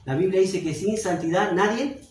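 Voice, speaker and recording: A man from Argentina with an Argentine Spanish accent, preaching a Bible study sermon as pastor. He slows down and swells on key phrases. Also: sits high, darkish tone, a little hiss or hum. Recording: roomy, from a distance off mic.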